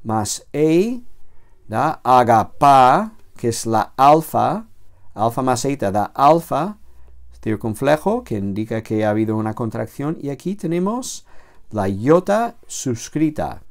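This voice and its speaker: A man's voice: medium pitch, big pitch swings, a little slow, darkish tone. A man with a Spanish accent from Spain, a theology professor giving a patient recorded lecture, explaining step by step and correcting himself as he goes. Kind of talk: recorded lecture on biblical Greek.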